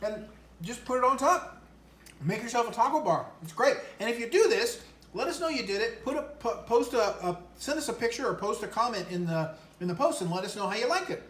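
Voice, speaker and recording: A man's voice: very high voice, animated, fairly quick, fairly bright tone, roomy sound. A man co-hosting a cooking show, walking through the steps in playful, teasing banter. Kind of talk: casual cooking demo banter.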